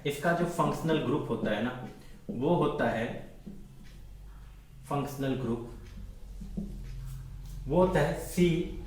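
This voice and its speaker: A man's voice: a little high, slow, pauses often, slight background noise. Man, chemistry teacher, classroom lecture, repeats terms, checks understanding, very echoey. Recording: very echoey room.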